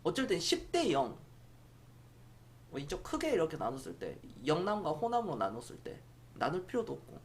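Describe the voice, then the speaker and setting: Middle-aged male live streamer, rambling and chatty, lively up-and-down pitch, talks to viewers. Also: moderate pace. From Jeolla province, South Korea. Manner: rambling, chatty, answers viewer comments aloud. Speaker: stock-market live streamer.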